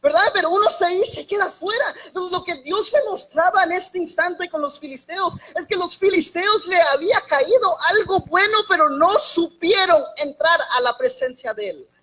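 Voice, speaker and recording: A woman delivers a church sermon in a high, bright voice. She talks haltingly, repeating and restarting words as she goes. She breaks into lively, joking asides between her points. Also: low-quality recording. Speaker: preacher.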